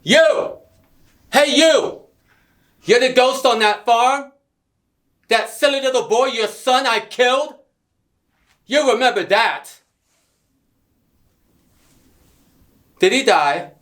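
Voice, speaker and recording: A man acting a sadistic, taunting British army colonel in a scene study, shouting some lines and murmuring others, heard from across the room. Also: steady tone, brisk, hardly any pauses, far from the mic. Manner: shouted taunts, then low menacing murmur. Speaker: acting student. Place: acting class studio.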